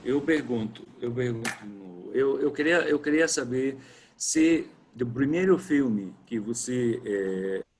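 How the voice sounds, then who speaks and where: A man asking questions over a remote call whose audio keeps glitching and breaking up, speaking haltingly with many restarts. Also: mid-range voice, animated, slight background noise. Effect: choppy, glitching video-call audio that keeps breaking up. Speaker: interviewer. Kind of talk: remote video-call interview.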